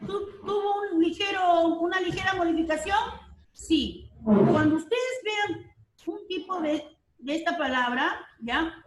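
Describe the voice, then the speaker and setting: A woman teacher giving an online lesson, who explains slowly, repeats key terms and keeps checking that her students follow. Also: very high-pitched, animated, far from the mic, slight background noise. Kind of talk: online class lecture. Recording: roomy sound from off the mic.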